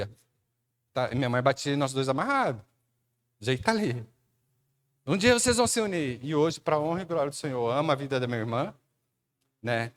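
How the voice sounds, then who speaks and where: Brazilian male church speaker, slightly high pitch, lively storyteller who acts out quotes. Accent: Brazilian Portuguese. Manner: addresses a listener by name and tags lines with "né". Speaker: church speaker giving testimony. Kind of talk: sermon testimony storytelling.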